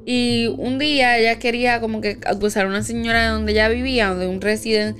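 A woman tells a story from her own life in a loose, chatty way. Her voice sits a little high, and she slips into the voices of the people she quotes. Soft music plays faintly behind her. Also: brisk. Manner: animated, acts out quoted dialogue. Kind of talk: casual storytelling chat.

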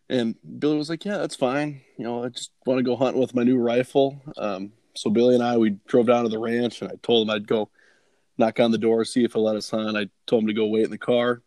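A man's voice: mid-range voice, darkish tone, no room sound. Rambling male storyteller, filler-heavy, dry studio sound. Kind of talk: casual chat, storytelling.

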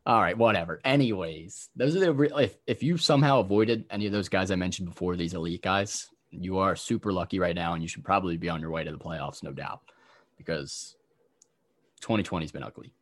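A young man with a low-sitting voice runs a relaxed fantasy football podcast. He moves briskly through lists of players and shares his opinions.

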